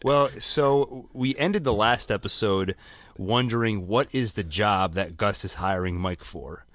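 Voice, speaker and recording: Podcast co-host, male, low and dry, casual, explanatory. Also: measured pace, fairly bright tone, no echo. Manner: conversational, explains plot at length. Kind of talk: casual recap chat.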